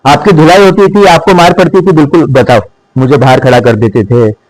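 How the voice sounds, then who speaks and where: A middle-aged man, a school principal, addresses a room of teachers in a slightly high voice. His sound is dry and close, and he drops into slow, deliberate English sayings to press home his points. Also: steady tone, no echo, rough recording. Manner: mixes Hindi with English maxims, slows for emphasis. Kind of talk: speech to teachers.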